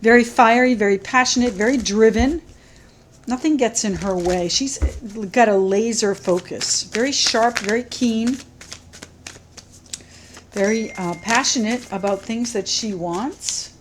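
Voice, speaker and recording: Soft-spoken woman doing a tarot reading. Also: fairly high pitch, noisy background. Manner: gentle, slow, musing, repeats phrases. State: slightly choked up, clearing throat. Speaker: tarot reader. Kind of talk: solo tarot reading to camera.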